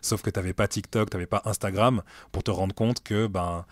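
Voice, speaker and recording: A guest in his late thirties, a music director at a streaming platform, talks in a casual interview in a meeting room at the company's office. His low, deep voice is calm and reflective, with many pauses and hesitations as he thinks aloud, recorded close and dry without room echo.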